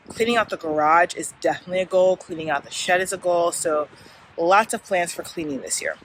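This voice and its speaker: A woman's voice: lowish voice, a bit bright, low-quality recording. Woman vlogging outdoors over background noise. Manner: informal, easygoing talk to viewers. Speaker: gardening vlogger. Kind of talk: casual chatty backyard vlog. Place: outdoors in a suburban backyard and side yard.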